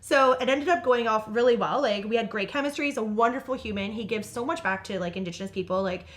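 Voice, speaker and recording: A woman talking at a rapid clip in a fairly high voice. She tells casual stories in an animated, candid way and swears freely. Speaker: podcast guest. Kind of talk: casual storytelling.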